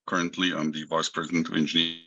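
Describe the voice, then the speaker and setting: A middle-aged man from Egypt talks quickly in a very low voice. His tone is husky yet bright and forceful. He explains things in a measured way as a podcast guest. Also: level tone, lo-fi sound. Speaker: guest, engineering executive. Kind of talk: interview answers.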